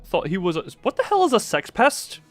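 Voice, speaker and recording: On a livestream, a man reads a story game aloud with flair, punctuating it with animated, disbelieving comments and a bit of swearing. His voice is high-pitched and brisk, and soft music plays in the background.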